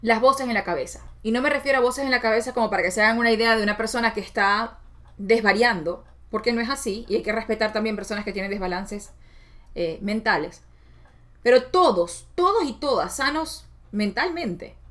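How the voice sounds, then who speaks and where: A woman speaks in a relaxed, motivational talk. Her voice sits a little high, and she lets it rise and fall when she mimics the voices in her head. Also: brisk. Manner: expressive, acts out inner voices with shifts of pitch. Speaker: self-help speaker.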